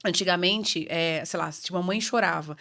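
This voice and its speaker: A woman in her thirties, a children's ear-nose-throat doctor, chatting as a podcast guest and telling lively stories with acted-out dialogue. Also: fairly low pitch, moderate pace, gravelly. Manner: lively storytelling, acts out quoted dialogue. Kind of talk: casual podcast chat.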